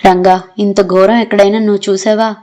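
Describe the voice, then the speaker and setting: A woman's voice: mid-range voice, flat delivery, fairly quick, dark tone, natural voice. A woman narrator reading the lines of a grieving elderly father who pleads through tears in a storybook reading. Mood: anguished. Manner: tearful, sobbing pleas.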